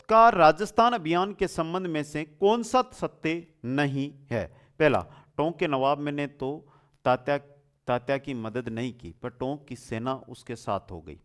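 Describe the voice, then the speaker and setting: An online exam coaching teacher with a clear, resonant voice on the high side runs a quiz-style lesson. He poses questions, repeats the answers and speaks to his students familiarly.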